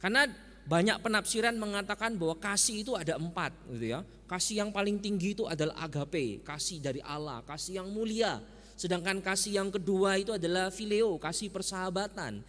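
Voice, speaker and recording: A man preaching a lively sermon in a church, his fairly high voice ringing with a long hall echo. He keeps throwing rhetorical questions at the congregation and answering them himself. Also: fairly quick. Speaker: pastor. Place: church sanctuary.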